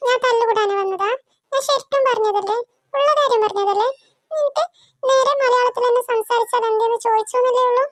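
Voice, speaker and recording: Very high, squeaky, bratty little cartoon sister, dry close sound. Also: female voice, fairly even intonation, fairly quick, dry recording. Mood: teasing. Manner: whiny, teasing. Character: cheeky bratty little girl, younger sister. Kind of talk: cartoon voice acting.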